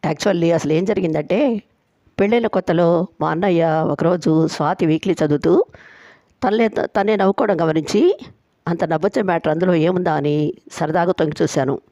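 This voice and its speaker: A woman's voice: lowish voice, normal speed, warm tone, no room sound. Boastful joking groom-to-be, as a woman narrator reads him. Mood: playful. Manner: boastful, playful, pleading.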